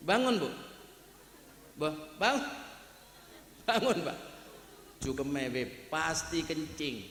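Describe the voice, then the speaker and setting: A man's voice: on the high side, big pitch swings, takes it slowly, fairly bright tone. A man preaching a humorous sermon at a wedding gathering, chatting and joking directly with the crowd. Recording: echoey hall with long reverb.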